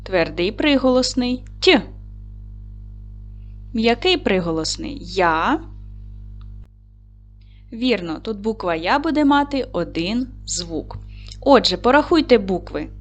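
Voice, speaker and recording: Slow, lively teacher woman. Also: lo-fi sound, faint music behind. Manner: slow, clear dictating tone with lively pitch. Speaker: primary school teacher. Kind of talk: video lesson for young pupils.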